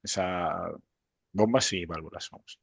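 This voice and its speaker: A Spanish man in his forties introducing himself in halting learner English, with many restarts and pauses. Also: low-pitched, creaky, breathy edge, no echo. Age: 40s. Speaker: student.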